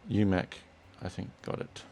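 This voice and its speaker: A young man hosting a casual chat, relaxed and rambling with restarts. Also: normal speed, a little hiss or hum. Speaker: host.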